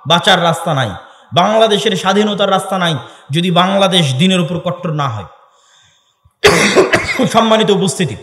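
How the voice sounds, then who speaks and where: A man's voice: sits high, fairly bright tone. A man giving an impassioned sermon-style speech to an audience in a large hall, firing off rhetorical questions. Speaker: Islamic lecturer. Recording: echoey hall with long reverb.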